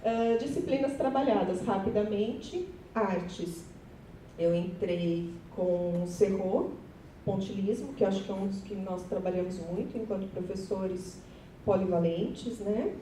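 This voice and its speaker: A woman's voice: a little slow, mellow. A woman teacher with a Brazilian Portuguese accent presents her class project to fellow teachers, chatty and nervous, often turning to the audience. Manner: nervous, chatty, self-deprecating, addresses audience. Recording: echoey hall, voice from far off, faint rumble.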